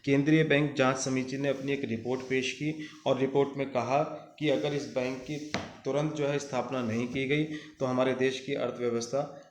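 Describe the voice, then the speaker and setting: A man's voice: mid-range voice, darkish tone, reverberant. A man teaching a commerce lesson, repeating dates and answering his own questions, mixing English terms into Hindi. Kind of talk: classroom lecture.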